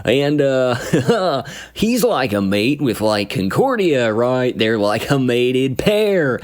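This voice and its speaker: A man's voice: medium pitch, sing-song, slow pace, voice pushed up. A man voicing a laid-back, goofy surfer-dude magic ring that laughs and drawls slang, in a tabletop story. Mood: goofy excited.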